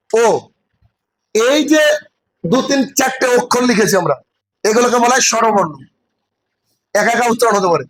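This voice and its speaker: High-pitched man teaching a class. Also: fairly bright tone, low-quality recording. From West Bengal. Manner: explains step by step, checks understanding with questions. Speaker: English teacher. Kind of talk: classroom lecture. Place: classroom with a board.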